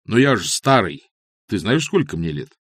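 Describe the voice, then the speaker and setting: A man's voice: on the low side, sing-song, normal speed, fairly bright tone, no echo, studio quality, heavily acted. A male reader voicing a big, shy older man who grumbles and mumbles, in an audiobook. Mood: grumbling. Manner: grumbling, bashful.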